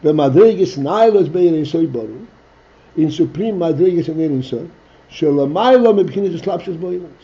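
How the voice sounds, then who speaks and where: A man teaching a text study class, reading Hebrew phrases aloud and explaining them slowly in English, stopping now and then to clear his throat. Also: on the high side, expressive, mellow, muffled recording.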